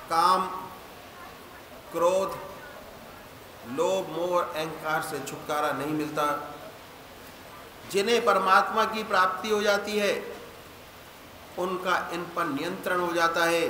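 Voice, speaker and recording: A man preaches a spiritual sermon in a slow, measured, didactic way, pausing often between phrases. His voice sits high and sounds bright. It is recorded in a roomy hall with long reverb and faint ambience behind. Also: slight background noise. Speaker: spiritual teacher.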